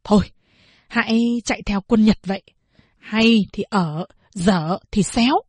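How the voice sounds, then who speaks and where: A woman's voice: mid-range voice, measured pace, breathy edge, dry recording. A woman voicing a coarse, hot-tempered young man who speaks curtly and bluntly in a storybook reading. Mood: harsh. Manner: curt and blunt.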